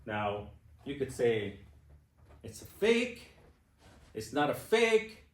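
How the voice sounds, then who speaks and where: A man in his sixties gives a slow, personal testimony speech to an audience. His pitch swings widely, and he keeps turning to the listeners with questions. The sound carries the echo of a room. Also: very animated. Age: 60s. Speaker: speaker.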